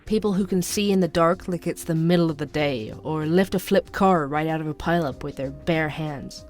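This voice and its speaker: Soft background music plays as an actor, in a natural, high-leaning male voice at normal speed, portrays a sardonic young night-shift barista narrating a podcast in an audio drama. The mood is wry and scornful, his tone suspicious, conspiratorial and conversational.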